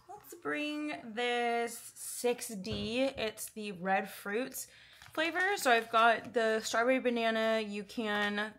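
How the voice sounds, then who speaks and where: A woman's voice: mid-range voice, a bit bright, a little hiss or hum. A woman chatting casually to camera as a vlogger, in an informal, everyday way. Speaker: running vlogger.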